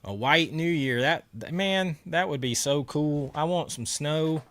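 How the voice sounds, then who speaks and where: A congested livestream host with a stuffy nose and sore throat talks around a cough drop, his voice nasal, fairly bright, expressive, on the high side and unhurried. He chats and laughs casually as he answers viewer comments, with no echo in the audio.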